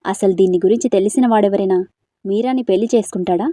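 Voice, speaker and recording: A woman's voice: medium pitch, fast, mellow, dry recording, clean studio sound, close to an everyday voice. A woman voicing a domineering young man who bosses and belittles his cousin, in an audio story. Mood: contemptuous. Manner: bossy, contemptuous.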